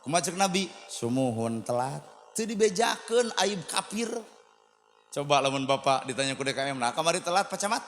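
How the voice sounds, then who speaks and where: Male preacher, Sundanese accent, fairly high voice, storytelling style with dialogue, recorded in a reverberant hall. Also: lively intonation, normal speed, faint music behind. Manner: storytelling preacher, acts out dialogue, rises to loud bursts. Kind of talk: Islamic sermon to a congregation. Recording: long hall reverb, faint background noise.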